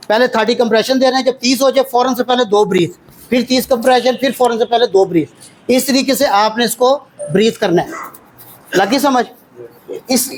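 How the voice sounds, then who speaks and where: A man with a high voice and a Pakistani Urdu accent teaching a hands-on CPR workshop. He drills counts out loud and keeps quizzing the class. He speaks in a training room full of students. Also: a little hiss or hum, low-quality recording.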